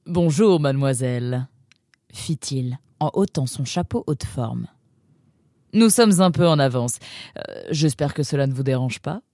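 A woman voicing an elderly, dapper male animal gentleman who speaks with polite, slightly fawning courtesy in a storybook. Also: extremely low pitch, animated, unhurried, no echo, clean studio sound, exaggerated voice. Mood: courtly.

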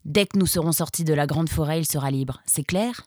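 A woman's voice: low voice, fairly quick, darkish tone, no echo, studio quality. A woman voicing a wary, tough male fox scout who knows the forest well. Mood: threatening. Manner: uneasy, then coldly threatening.

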